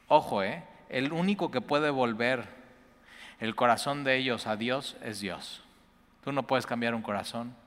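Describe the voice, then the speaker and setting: Male pastor preaching in a reverberant hall. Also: medium pitch. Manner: shifts from hushed prayerful quotes to loud excited exclamations. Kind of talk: sermon.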